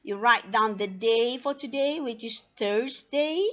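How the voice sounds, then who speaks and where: A woman teaching an online class for young children, speaking slowly and clearly and saying "okay" often. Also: fairly high pitch. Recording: dull lo-fi sound.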